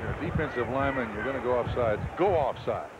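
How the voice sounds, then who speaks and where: A man's voice: mid-range voice, fast talker. A man giving folksy color commentary on a football game, breaking down each play with frequent fillers, heard taped off the radio. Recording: muffled lo-fi radio tape with heavy hiss.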